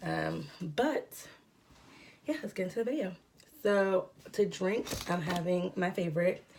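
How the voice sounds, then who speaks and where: This mukbang vlogger has a low, gravelly voice and chats at a measured pace while eating at home indoors. Congested and breathing heavily from a cold, she rambles casually with plenty of fillers, and a slight hiss or hum can be heard.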